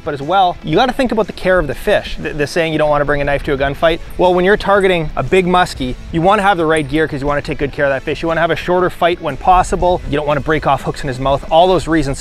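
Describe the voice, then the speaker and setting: Man in his thirties, quick talker, slightly high voice, energetic coaching, outdoors on a boat, faint music behind. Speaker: fishing pro for a boat brand. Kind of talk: casual fishing tips to camera. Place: open fishing boat on a lake, outdoors.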